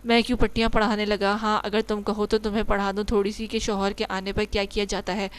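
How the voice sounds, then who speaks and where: A woman reading an audio novel voices a young husband who is serious but half-amused, teasing his wife and gently warning her. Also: mid-range voice, flat delivery, smooth, lightly acted. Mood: coaxing, teasing. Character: young husband, calm, teasing, quietly firm.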